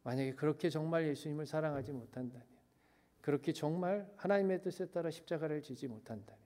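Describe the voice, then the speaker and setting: The sermon comes fast from this middle-aged male pastor, whose voice is a little high. His delivery is emphatic, veering between loud pronouncements and whispered phrases, with English phrases mixed in.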